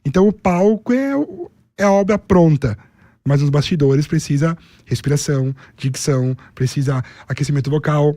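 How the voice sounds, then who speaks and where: As an interview guest, a public speaking coach with a Brazilian accent explains his approach in orderly numbered steps and lists. His fairly high voice is mellow and at a normal speed, with no echo.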